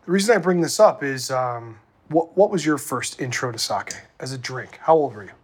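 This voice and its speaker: A man's voice: mid-range voice, animated, moderate pace, husky. A man from the American Midwest hosting an interview, chatty and wandering off on tangents with stammering restarts. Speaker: host. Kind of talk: conversational interview.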